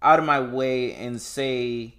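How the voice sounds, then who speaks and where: A man's voice: medium pitch, steady tone, takes it slowly, fairly bright tone. A man co-hosting a casual film chat, speaking emphatically and repeating words for stress. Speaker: podcast co-host.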